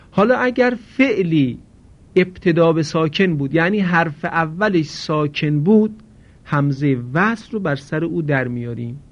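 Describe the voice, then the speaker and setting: A man teaching Arabic grammar in a recorded lesson, speaking slowly and deliberately, asking his students questions and answering them himself. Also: on the high side. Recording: dull lo-fi recording.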